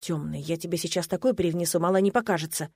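A woman doing a low, hissing young paladin prince. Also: animated, fast talker, dark tone, no echo, studio quality, natural voice. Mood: irritated.

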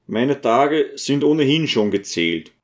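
A grave, weary old archpriest from an audiobook , played by a male reader. He speaks slowly and solemnly, with a tired, sighing weight. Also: medium pitch, expressive, natural voice. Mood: resigned. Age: older. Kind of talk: audiobook reading.

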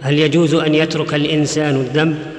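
A man reading listeners' questions aloud to a scholar, quick and slightly hesitant. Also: on the high side, flat delivery. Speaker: reader of questions. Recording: echoey hall with long reverb.

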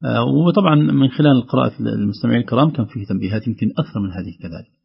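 A man teaching Quran recitation on the radio, explaining carefully and demonstrating words slowly. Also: mid-range voice, creaky, breathy edge. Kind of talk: instructive radio discussion. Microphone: studio microphone. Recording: slightly dull radio studio sound.

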